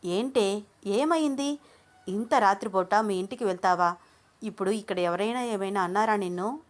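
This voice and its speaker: A woman's voice: mid-range voice, moderate pace, lightly acted. A woman voicing Junnu, a caring young friend who anxiously presses with questions. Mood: worried.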